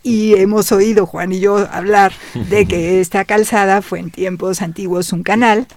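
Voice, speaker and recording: Gravelly radio host asking questions. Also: female voice, mid-range voice, fairly even intonation, normal speed, darkish tone. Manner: encouraging, frequent backchannels. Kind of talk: radio interview. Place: radio studio. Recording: dry radio studio.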